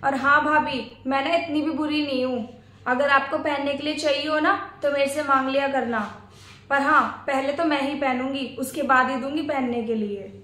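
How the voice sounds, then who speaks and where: Lady doing a bratty greedy sister-in-law, high whiny voice, echoey room. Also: fairly even intonation, normal speed, pushed and bright, slight background noise. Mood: smug. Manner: demanding, whiny, bossy. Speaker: husband's sister. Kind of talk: family skit drama.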